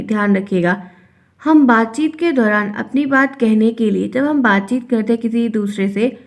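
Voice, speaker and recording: Young woman teacher, fairly high voice, goes over each point twice, online class. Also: darkish tone. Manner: explains by repeating, acts out example sentences. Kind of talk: online Hindi grammar lesson.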